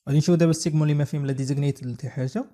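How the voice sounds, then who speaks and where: A man's voice: a little high, fairly even intonation, rapid-fire, mellow. A man with a Moroccan Arabic accent, explaining a networking exercise step by step in a tutorial, mixing in French and English technical terms. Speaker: networking instructor. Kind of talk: screen-recorded tutorial walkthrough.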